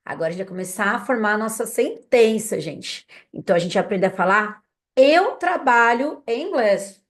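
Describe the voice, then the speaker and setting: A woman's voice: medium pitch, expressive. A young adult woman with a Brazilian Portuguese accent teaching English vocabulary, calling out words for learners to repeat after her. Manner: slow, patient repeat-after-me drilling. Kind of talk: language lesson drills.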